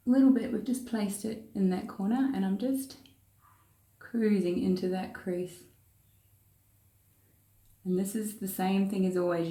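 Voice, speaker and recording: A woman's voice: mid-range voice, distant mic. A woman with a New Zealand accent, chatting her way casually through a step-by-step makeup tutorial as she works. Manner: chatty, relaxed, talks while working. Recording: roomy echo, voice off-mic.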